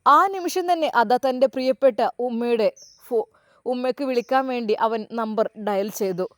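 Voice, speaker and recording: A woman's voice: on the high side, normal speed, no room sound, studio quality. A woman narrating a dramatic story with emotive, suspenseful delivery.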